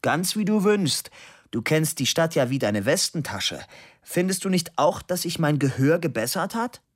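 A man voicing a mischievous young man who pretends to be hard of hearing, in a high, loud, exaggerated voice. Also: big pitch swings, normal speed. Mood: mock-innocent. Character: young man, mock-deaf prankster, mischievous.

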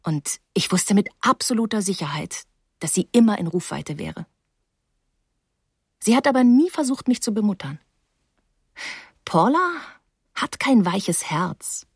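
A woman narrating an audiobook in an expressive, reflective storytelling manner. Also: medium pitch, a little slow, long pauses, slightly rough, dry recording, studio quality. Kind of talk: audiobook reading.

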